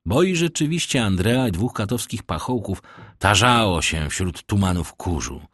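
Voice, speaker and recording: Husky, lively male storyteller. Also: fairly low pitch, moderate pace, no echo, studio quality. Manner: expressive, dramatic storytelling. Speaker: audiobook narrator. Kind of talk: scripted narration of a classic novel.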